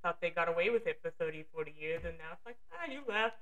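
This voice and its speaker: A woman's voice: sits low, quick pace, poor audio. A woman guest on a podcast in casual chat, explaining with enthusiasm and lots of fillers.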